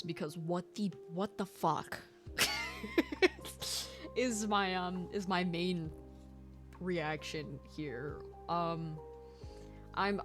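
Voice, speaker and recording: Young woman, rambling profane recap, lowish voice, soft lo-fi music behind. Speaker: fan recap vlogger. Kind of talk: casual episode recap. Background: faint lo-fi background music.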